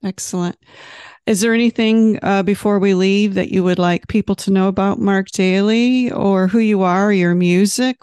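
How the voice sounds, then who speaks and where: A woman's voice: medium pitch, steady tone, moderate pace, a little mellow, smooth, dry recording, studio quality. A woman from Detroit interviewing a musician in a casual, encouraging way, with frequent murmured back-channel responses. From Detroit, United States.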